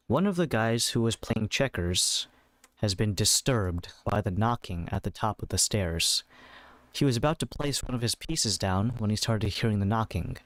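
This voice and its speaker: Steady male game master narrating. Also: lowish voice, dry recording. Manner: measured, descriptive narration.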